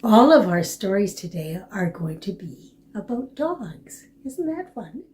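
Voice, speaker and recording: A woman's voice: medium pitch, big pitch swings, a little mellow, a little hiss or hum. A woman hosting a library storytime, reading a picture book aloud as if to a toddler, with simple, exaggerated, playful delivery. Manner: drawn-out, playful animal noises and repeated words. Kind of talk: lively read-aloud storytelling for small children.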